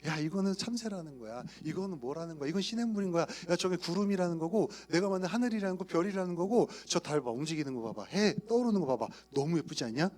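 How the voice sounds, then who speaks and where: A man voicing God as a warm, fatherly figure who coaxes and shows things with affection. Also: high-pitched, expressive, quick pace, few pauses. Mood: fond. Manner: affectionate and coaxing. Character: warm fatherly God, gently showing creation.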